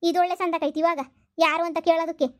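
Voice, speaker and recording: A woman's voice: extremely high pitch, little pitch movement, fast, dry recording, clean studio sound. A woman playing a pleading, nagging village wife and daughter in a comedy skit.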